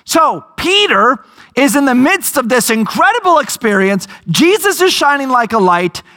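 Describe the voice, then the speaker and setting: A man preaching a sermon, telling a scripture story with emphatic, drawn-out phrases and lively storytelling. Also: extremely high pitch. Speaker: pastor.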